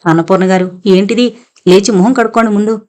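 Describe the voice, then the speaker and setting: Audiobook part: a steady, gently firm young woman comforting someone, read by a woman narrator. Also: medium pitch, fast talker, natural voice. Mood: soothing. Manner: soothing yet firm.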